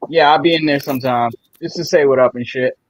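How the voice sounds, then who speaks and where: A man's voice: mid-range voice, fast talker, dry recording. A man chatting casually in loose street slang.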